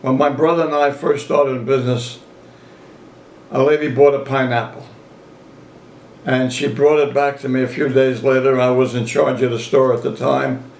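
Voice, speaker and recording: An elderly man in his eighties shares memories in a casual interview. He talks like a folksy storyteller, repeating phrases and quoting conversations, with a medium-pitched voice in an echoey room. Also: flat delivery, moderate pace, a little mellow, slight background noise. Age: 80s. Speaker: interviewee, grandfather reminiscing. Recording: roomy, echoey home recording.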